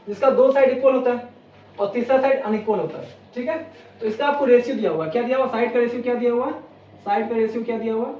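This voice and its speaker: A man's voice: very high voice, a little mellow. A man teaching an exam-prep maths lesson, walking through each step and repeating questions back to the viewer before answering them. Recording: roomy, distant, dull lo-fi sound, faint noise.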